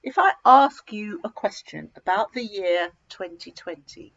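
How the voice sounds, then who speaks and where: A woman teaching English to learners in a slow, simple lesson, patient and reassuring, repeating key words. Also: medium pitch, lively intonation, fairly bright tone. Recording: dull lo-fi recording.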